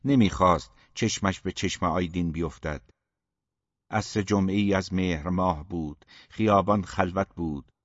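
A man narrating a literary novel as an audiobook in a measured, steady manner. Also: low-pitched, dry recording. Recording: dull, muffled dry recording.

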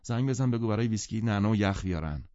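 A man voicing a restless, moody young society woman who speaks in sharp complaints, in a storybook reading. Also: lowish voice, expressive, no echo, natural voice. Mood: petulant. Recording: dull lo-fi audiobook sound.

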